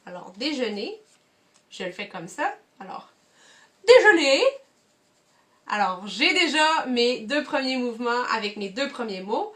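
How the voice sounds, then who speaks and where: A woman's voice: a little high, expressive, moderate pace, bright, forceful tone. A young woman with a Quebec French accent, leading kids through a movement activity from home as a cultural mediator, encouraging and addressing viewers directly. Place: home, indoors.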